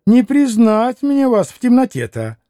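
A man's voice: extremely high pitch, wildly swooping pitch, unhurried, mellow, no echo, pitched above the performer's own voice, exaggerated voice. A querulous old servant woman who grumbles in a folksy, chatty way, as a male narrator puts her on. Her voice is raised and thin, and the sound is close and dry with no room around it. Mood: grumbling.

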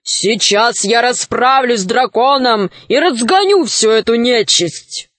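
A protective young hero warrior, voiced by a woman reading a tale aloud. He speaks in a firm, commanding way, on the high side. The sound is dry. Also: expressive, measured pace, a bit bright, dry recording.

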